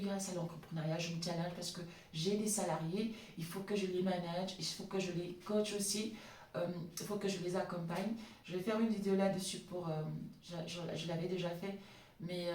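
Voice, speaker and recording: A woman's voice: on the low side, level tone, a little fast, a little mellow. A woman with a slight lisp telling her own story in a vlog monologue, hesitant and often repeating words as she explains. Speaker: vlogger, cleaning business entrepreneur. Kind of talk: personal storytelling monologue to camera. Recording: echoey room, distant microphone.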